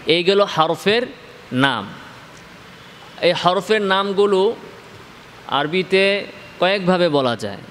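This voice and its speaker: A man from Bangladesh teaches Quranic letter pronunciation at a very slow, careful pace, in a slightly raised voice. He poses questions to his listeners and answers them himself, stretching out each letter sound. The room has a long reverb with faint noise behind. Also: high-pitched, lively intonation, fairly bright tone. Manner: draws out letter sounds slowly. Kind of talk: slow spoken lesson on Arabic letter pronunciation.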